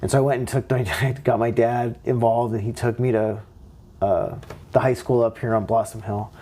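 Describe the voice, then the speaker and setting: A man's voice: medium pitch, normal speed. A young man from California telling stories from his past in a casual interview, acting out what others said to him in raised voices. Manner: animated, acts out quotes in raised voices. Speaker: interview guest. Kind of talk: casual storytelling.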